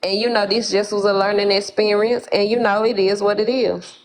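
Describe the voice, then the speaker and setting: A woman with a Memphis Southern accent, speaking emphatically on a live stream. She talks in a preachy, advice-giving way at a middling pitch, laughing between points. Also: fairly even intonation, fairly quick, background noise. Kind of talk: casual live chat.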